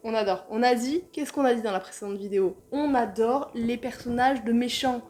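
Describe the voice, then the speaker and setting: A woman's voice: on the high side, a little fast, darkish tone. Chatty, self-mocking young woman gamer. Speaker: gaming YouTuber. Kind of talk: casual gaming vlog. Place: home room mid-move.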